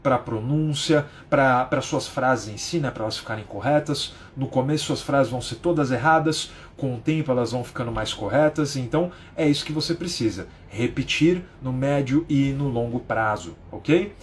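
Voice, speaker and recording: A man's voice: medium pitch, moderate pace, few pauses, slight background noise. A man in his thirties from Brazil, teaching a live-streamed lesson from home in a chatty way, explaining through rhetorical questions and constant tag questions. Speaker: English teacher.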